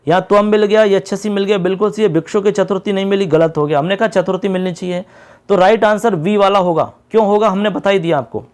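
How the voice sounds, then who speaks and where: A man teaching an exam-prep lesson, patiently repeating key points and reading questions out slowly. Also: sits high, fairly even intonation, darkish tone.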